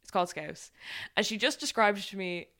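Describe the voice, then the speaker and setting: A young woman co-hosts a podcast in easy, chatty conversation. Her voice sits at a middle pitch and she laughs often as she talks. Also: animated, normal speed, bright, forceful tone. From Ireland. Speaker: podcast co-host. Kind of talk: casual chat.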